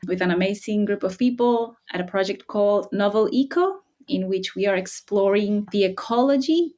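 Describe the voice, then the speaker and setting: A woman, a researcher talking as a guest in a relaxed interview, thoughtful and friendly, often laughing. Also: medium pitch. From Costa Rica. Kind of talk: casual interview talk.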